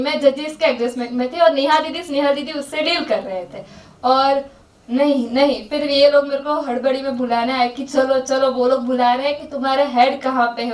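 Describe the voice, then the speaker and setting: A young woman with a high voice tells a personal story to a gathering and lays out each event in turn. She sounds earnest throughout. Her voice is picked up from a distance, with the echo of a large hall around it. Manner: earnest, retelling events step by step. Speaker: volunteer sharing an experience. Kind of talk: personal story told to a group. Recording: echoey hall, far from mic.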